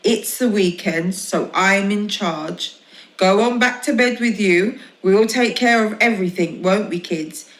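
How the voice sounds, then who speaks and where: A woman's voice: medium pitch, measured pace, close to an everyday voice. A cheerful, bossy dad from a storybook barks out chores like a sergeant, as a woman reader puts him on. He sounds hearty and upbeat, and the room around the voice echoes. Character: cheerful bossy dad taking charge of the family.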